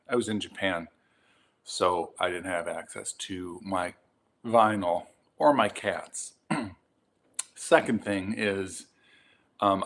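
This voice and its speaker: A man's voice: fairly low pitch, a bit bright. A tired, jet-lagged middle-aged man chatting casually to camera about his vinyl purchases, rambling with many ums and restarts.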